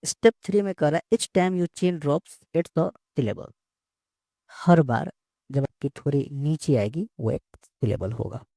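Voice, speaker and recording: A male teacher explains slowly and steadily, often going back over the same words. His voice sits a little high for a man yet sounds dark and gravelly. It is recorded close up and dry. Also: no echo. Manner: slow, repeats words and phrases while explaining. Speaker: English teacher. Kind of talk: bilingual lesson explanation.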